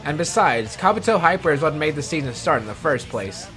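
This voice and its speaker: This video host speaks in a high, sing-song voice at a brisk clip while running a scripted countdown. He sprinkles his commentary with wry jabs at himself, over a bed of background music.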